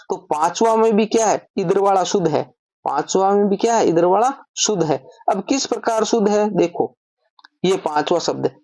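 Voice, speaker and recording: Woman teaching grammar, dark and dry. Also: medium pitch, no room sound. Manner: explains step by step, asks and answers her own questions. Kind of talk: online grammar lesson.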